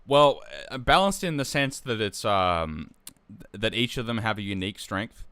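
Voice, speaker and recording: Deep, bright, dry-sounding man. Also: moderate pace, clear, resonant tone, dry recording. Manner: relaxed, with frequent fillers and restarts. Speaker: tournament organizer and stream host. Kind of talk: casual live-stream chat.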